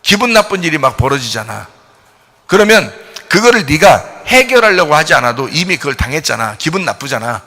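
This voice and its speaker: A male pastor delivers a sermon in a gravelly, somewhat high voice. He talks straight to his listeners in blunt informal speech. He swings from loud urgent rises to quiet questioning drops. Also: very animated, a little fast.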